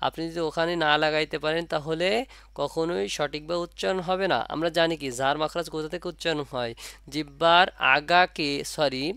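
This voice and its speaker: A man's voice: a little high, steady tone, fast talker, a bit bright, smooth, no echo, clean studio sound. A man with a Bangladeshi Bengali accent teaching Arabic letter pronunciation, patient, repeating points and drawing sounds out to demonstrate them. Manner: patient, repeats and asks the class questions. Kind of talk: Quran letter pronunciation lesson.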